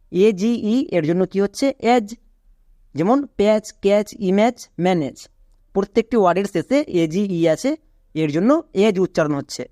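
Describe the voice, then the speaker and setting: A woman whose first language is Bengali teaches English spelling and pronunciation, spelling each word out letter by letter and then saying it slowly. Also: on the low side, darkish tone, dry recording, studio quality.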